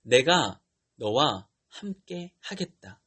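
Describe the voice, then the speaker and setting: A man voicing God as a calm, reassuring divine figure, speaking slowly and solemnly in a lowered voice. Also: breathy edge, heavily acted. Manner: slow, lowered, solemn delivery.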